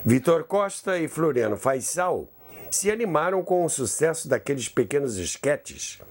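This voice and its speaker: A Brazilian man hosts and narrates a radio history podcast, telling a scripted story theatrically with conversational asides. His voice sits fairly high, swings widely in pitch, and moves at a normal pace.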